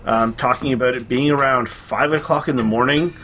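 A man co-hosting a podcast in casual chat, chatty and quick to laugh, with many ums and uhs. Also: mid-range voice, crowd noise. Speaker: podcast co-host.

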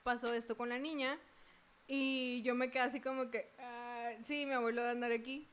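A woman's voice: a little high, normal speed. A woman co-hosting a podcast. She tells a personal story in casual chat, quoting voices and laughing. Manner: expressive, quotes voices, laughs. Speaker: podcast co-host.

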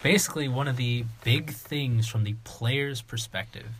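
A man co-hosting a sports podcast in casual chat, measured and explanatory with dry sarcasm. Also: medium pitch, a bit bright, breathy edge. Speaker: podcast co-host.

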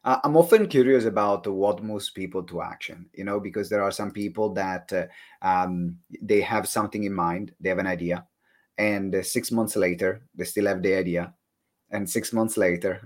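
Animated Italian-accented male podcast host. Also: on the low side. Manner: animated, laughs easily, emphatic repetitions. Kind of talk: conversational interview.

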